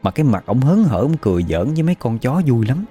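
A man's voice: medium pitch, big pitch swings, fast talker, mellow, husky, soft background music. A man with a Southern Vietnamese accent telling a spooky folk story in a chatty, gossipy way. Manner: conversational, gossipy retelling.

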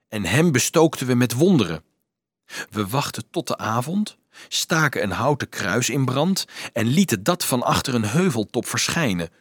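Male reader as a guilt-ridden middle-aged swindler, earnest confession, lively intonation, dry sound. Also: mid-range voice, slightly rough, no echo. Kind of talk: audiobook character voice.

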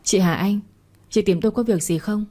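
A woman's voice: mid-range voice, moderate pace, mellow, lightly acted. Woman reading as a frightened, pleading young bride-to-be. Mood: polite. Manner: urgent, pleading.

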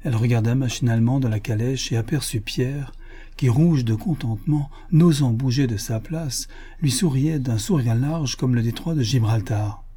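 A man narrating a classic novel audiobook in a measured, expressive reading. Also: mid-range voice, slightly rough.

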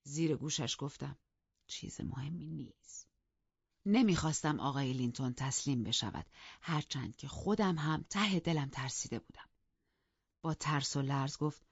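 A woman narrating an audiobook in a measured storytelling manner. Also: deep voice, darkish tone, no room sound, lo-fi sound. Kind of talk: scripted narration.

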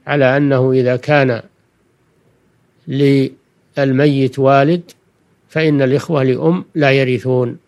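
An older man delivers a religious lesson in formal Standard Arabic. He explains in a deliberate, didactic way and repeats key phrases for his listeners, at an ordinary male pitch. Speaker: religious scholar giving a recorded lesson. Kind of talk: Quranic exegesis lecture for listeners.

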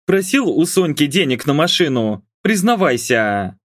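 A woman's voice: low-pitched, very animated, a little slow, no room sound, clean studio sound, full character voice. A man voicing a suspicious, bossy middle-aged mother who scolds her grown daughter, in an audiobook reading. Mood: commanding. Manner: nagging, bossy.

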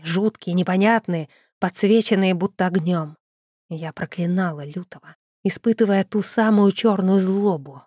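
A woman reading a first-person fantasy audiobook with dramatic, expressive storytelling. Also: on the low side, no echo, clean studio sound. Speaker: audiobook narrator.

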